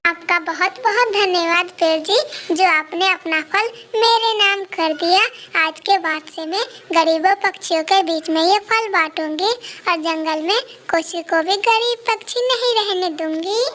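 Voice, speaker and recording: A woman's voice: very high voice, unhurried, fairly bright tone. A woman voicing a generous, cheerful little female bird in a cartoon story, eagerly offering food. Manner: eager, hospitable.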